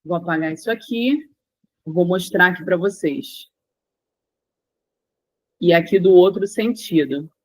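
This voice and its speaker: A woman's voice: lowish voice, measured pace, long pauses, no room sound, rough recording. A woman with a Brazilian Portuguese accent teaching an online language lesson, explaining in plain steps, repeating key points and checking in with her students.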